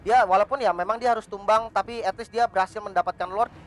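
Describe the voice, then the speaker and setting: An Indonesian man working as an esports caster, giving excitable running play-by-play of a live match. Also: sits high, fast.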